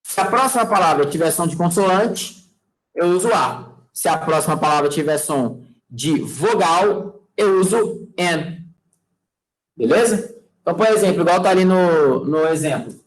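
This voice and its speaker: His voice is a little high and his pace measured as this man, speaking with a Brazilian Portuguese accent, teaches English in a relaxed classroom style. The audio is poor. He checks in constantly with "tá?" and "fechou?" and sprinkles in folksy sayings.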